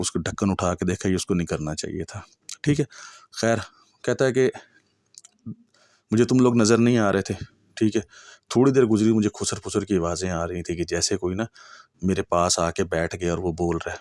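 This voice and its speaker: A man's voice: low-pitched, darkish tone, no room sound, clean studio sound. A man with a Punjabi accent telling a true horror story in a chatty, conversational way, often checking in with the listener. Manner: conversational, chatty, full of checks like "okay?" and "you know".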